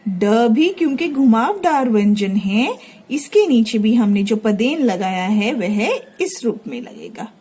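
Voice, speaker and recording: एक महिला शिक्षिका बच्चों को हिंदी की वर्तनी सिखा रही हैं, हर शब्द धीरे-धीरे और धैर्य से बार-बार बोलकर।. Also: female voice, fairly high pitch, animated, dark tone, husky. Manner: slow, patient, repeating each word aloud. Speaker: teacher. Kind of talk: Hindi spelling lesson for children.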